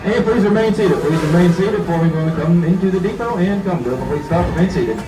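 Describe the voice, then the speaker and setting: A folksy male train conductor calls out to riders through an outdoor loudspeaker, his voice raised a little in pitch. It booms and echoes from a distance, with music playing clearly behind him. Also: animated, fast talker. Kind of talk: tour announcements to passengers.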